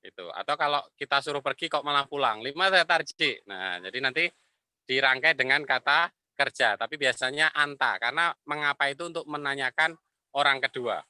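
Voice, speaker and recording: Bright-voiced man teaching Arabic. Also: mid-range voice, clear, resonant tone, dry recording. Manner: explains patiently, repeats Arabic phrases slowly. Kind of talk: online class lecture.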